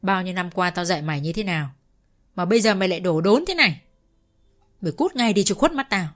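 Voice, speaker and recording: A woman voicing a harsh elderly father who shouts and curses at his grown son. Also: on the low side, lively intonation, quick pace, close to an everyday voice. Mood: furious scolding. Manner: shouting, cursing. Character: harsh elderly father-in-law, furious, scolding.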